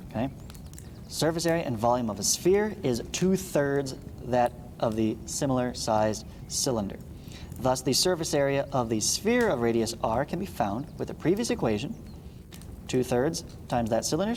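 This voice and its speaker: Reading aloud to his class, a math teacher pauses now and then to explain things in a folksy, informal way. He has a mid-range voice with a darkish tone, recorded in an echoey room with clearly audible background noise.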